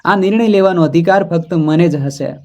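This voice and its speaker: A man voicing a stubborn, quick-tempered young wife who speaks sharply and indignantly. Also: on the high side, a little mellow, natural voice.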